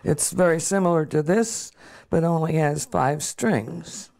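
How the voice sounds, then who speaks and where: An instrument maker speaks in a gravelly, mid-range voice about pieces in progress. The talk is quiet and reflective. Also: mid-range voice, measured pace. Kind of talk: interview.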